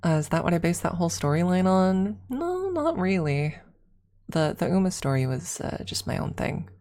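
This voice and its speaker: On an ASMR livestream, a woman with a low, darkish voice speaks at normal speed but very animatedly as she answers viewers. She rambles and gushes, full of hyperbolic fan excitement.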